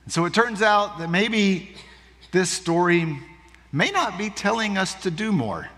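Slow, questioning man preaching in a hall. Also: sits high, expressive, a bit bright. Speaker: pastor. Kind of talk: sermon.

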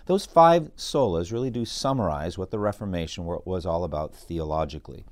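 Earnest low-voiced male podcast host. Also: a little mellow, dry recording. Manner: earnest, preacherly, reads quoted passages with dramatic lift. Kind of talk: solo podcast narration on church history.

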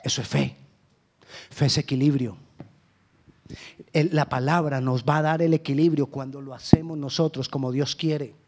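A Colombian man preaching a sermon as pastor, swinging between loud emphasis and hushed lines. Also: mid-range voice, steady tone, moderate pace, pauses often. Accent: Colombian Spanish.

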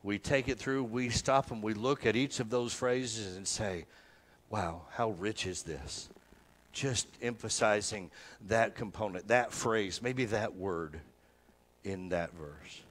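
Male pastor, sermon, conversational teaching, slow repeated verses, sudden emphatic lifts. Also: on the low side. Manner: slow repetitive scripture recitation, dropping soft.

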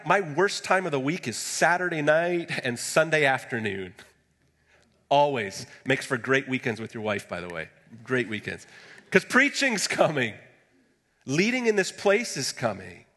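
A man's voice: mid-range voice, a bit bright. A middle-aged male pastor preaching a sermon in a large church auditorium, building to emphatic bursts and dropping into joking asides. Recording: reverberant hall.

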